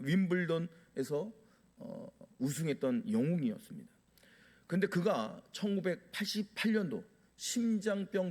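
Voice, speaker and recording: A man's voice: fairly high pitch, darkish tone. A male pastor preaching a sermon, asking the congregation rhetorical questions and dramatically acting out prayers. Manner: dramatic, acts out quoted prayers.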